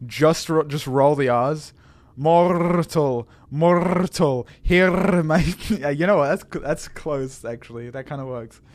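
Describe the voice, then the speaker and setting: A man's voice: mid-range voice, normal speed, few pauses, no echo. Giggly young man streaming a game. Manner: joking, giggly, self-deprecating. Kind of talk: casual live-stream commentary. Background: faint game music.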